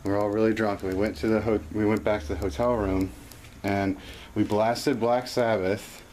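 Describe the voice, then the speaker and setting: A man with a fairly low voice tells a long, loose story, circling back with restarts and "like" fillers. He laughs easily between thoughts. Faint noise hums behind him. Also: level tone, normal speed, darkish tone. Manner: rambling, full of restarts and "like", laughs. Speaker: podcast co-host and gigging musician. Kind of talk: casual conversational storytelling.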